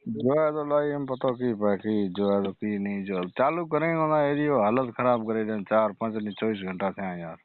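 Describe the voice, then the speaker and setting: A customer with a Rajasthani accent phones in a power-cut complaint, exasperated and insistent, speaking colloquial dialect. His voice is fairly low, at a moderate pace with hardly any pauses, and the call recording is muffled and band-limited.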